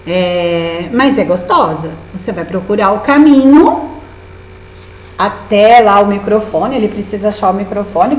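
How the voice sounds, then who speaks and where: A woman teaching schoolchildren in Brazilian Portuguese, patiently explaining workbook tasks with lots of diminutives. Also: mid-range voice. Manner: patient, encouraging, with many diminutives. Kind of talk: remote lesson walking through a workbook. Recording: echoey room with faint hum.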